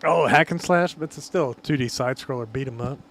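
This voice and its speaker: A man co-hosting a casual podcast, teasing his friends with deadpan jokes. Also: medium pitch, a little fast, creaky, background noise. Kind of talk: casual chat.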